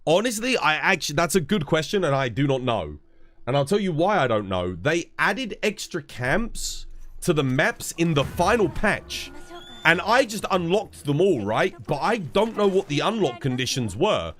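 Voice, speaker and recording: A man with a cold and a stuffed-up nose casually chats with viewers and answers them while streaming a game. His voice is on the high side, very animated and a bit bright, at a moderate pace, with no echo.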